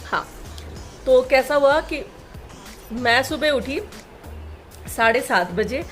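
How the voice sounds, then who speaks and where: A woman's voice: high-pitched, animated, takes it slowly, a bit bright, soft background music. A woman in her thirties with a Jharkhand Hindi accent, chatting casually in a home vlog from her kitchen while she cooks and tells a story. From India. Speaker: vlogger.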